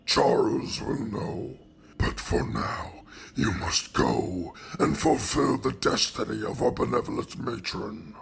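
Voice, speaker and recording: A man voicing a solemn, ancient godlike oracle who speaks as "we" in a slow, grave storytelling cadence. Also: fairly low pitch, sing-song, creaky, slight background noise, exaggerated voice. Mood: lofty. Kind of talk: amateur fantasy audio drama.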